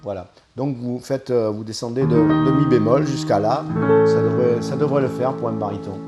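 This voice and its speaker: A man's voice: mid-range voice, steady tone, moderate pace, over loud music. A man giving a singing lesson, explaining vocal technique step by step and tagging his points with little asides. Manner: explanatory, with frequent "hein" tags. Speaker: singing teacher.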